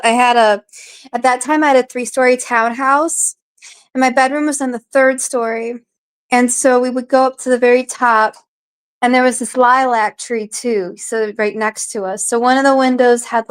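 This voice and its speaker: A woman's voice: fairly high pitch, smooth. A woman streamer chatting casually with her viewers, rambling and swearing freely, with lots of filler words as she answers comments. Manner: rambling, profane, filler-heavy. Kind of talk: casual live-stream chat.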